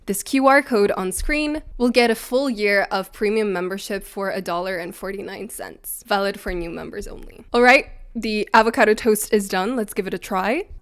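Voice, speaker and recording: A bubbly woman vlogger narrates her travels and reads a sponsor spot in a chatty, upbeat way. Her voice sits at an average pitch for a woman. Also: moderate pace, hardly any pauses, clear, resonant tone. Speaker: vlogger and street interviewer. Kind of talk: casual vlog narration and street interviews.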